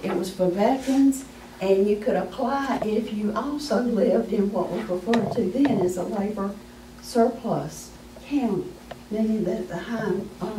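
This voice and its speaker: A woman presenting to an audience as a small business adviser, folksy and emphatic, her voice hoarse as she keeps clearing her throat. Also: mid-range voice, background noise. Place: meeting room with an audience. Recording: echoey room from far off.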